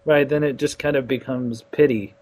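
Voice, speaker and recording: A man's voice: medium pitch, steady tone, normal speed, darkish tone. A man in a casual conversation who answers mostly with short agreeing replies.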